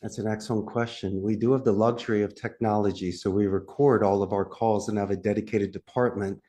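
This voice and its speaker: Frequent laughs and lively pitch swings mark this interview with a call center CEO. The man, who has a Philadelphia accent, gives animated, emphatic answers.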